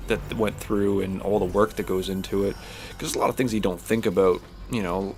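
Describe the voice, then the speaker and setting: A low, steady, somewhat mellow male voice moves fairly quickly as he casually chats through a space game on his gaming channel. He sounds slightly stuffed-up and rambles with many fillers and restarts, over faint background music.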